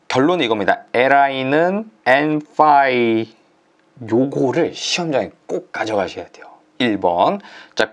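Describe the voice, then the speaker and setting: Male lecturer, chatty online exam-prep teacher, plenty of fillers, average pitch. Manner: chatty, uses many fillers and drawn-out "ja".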